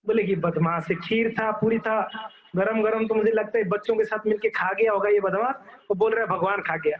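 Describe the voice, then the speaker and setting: A man's voice: high-pitched, fairly even intonation, normal speed, narrow, tinny audio. A man giving a devotional sermon, telling stories animatedly and acting out the characters while asking his audience questions. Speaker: preacher.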